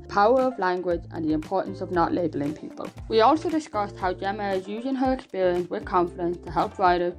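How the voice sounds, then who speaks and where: A woman's voice: on the low side, low-quality recording. A young woman hosting a podcast, effusive and full of fillers. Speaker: podcast host. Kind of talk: podcast interview.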